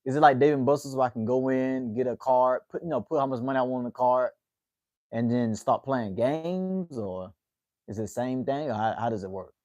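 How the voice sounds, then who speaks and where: A livestream host from the United States, in his twenties, chats laid-back with his viewers, tagging "man" onto phrases. His mid-range voice is darkish and a little fast, and the recording has no room sound.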